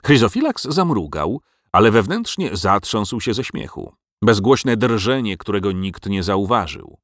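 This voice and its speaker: A man narrating a storybook audiobook in an expressive, storytelling manner. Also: on the low side, a little slow, no room sound, clean studio sound.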